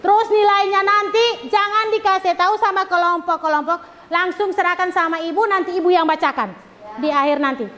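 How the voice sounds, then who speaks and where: Woman teacher, very high voice, directive, echoing classroom. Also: steady tone, brisk, fairly bright tone. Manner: directive, checks on students often. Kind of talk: classroom instruction.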